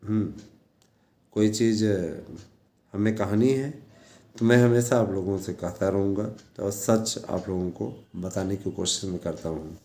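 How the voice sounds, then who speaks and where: A man's voice: on the low side, steady tone, unhurried, warm tone. A man talking informally to his followers as a teacher and presenter, exhorting them repetitively with frequent check-in tags. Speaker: teacher and online news presenter. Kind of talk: informal monologue addressed to followers. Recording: echoey room sound.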